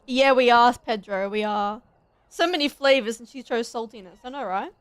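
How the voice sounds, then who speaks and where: High excitable woman streamer. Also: normal speed, clean tone, dry recording. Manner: excitable, swears, laughs a lot. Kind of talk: gameplay commentary.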